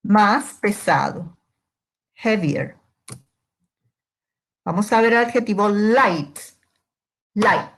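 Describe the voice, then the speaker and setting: Female language teacher, unhurried, patient, asks the class questions and answers them herself. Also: mid-range voice, expressive, vocal fry. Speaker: English teacher. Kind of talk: slow, step-by-step grammar lesson.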